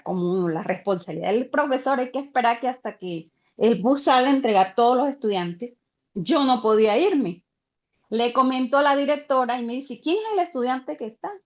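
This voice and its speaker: Animated woman telling a classroom story. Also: fairly high pitch. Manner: animated, acts out quoted voices. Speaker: teacher sharing an experience in a class. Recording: dull lo-fi call audio.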